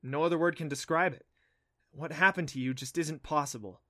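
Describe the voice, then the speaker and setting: A man's voice: a little high, a little fast, fairly bright tone, no echo, clean studio sound, natural voice. A man reading a story, voicing a smug, teasing teenage girl with a self-assured, taunting manner. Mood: excited.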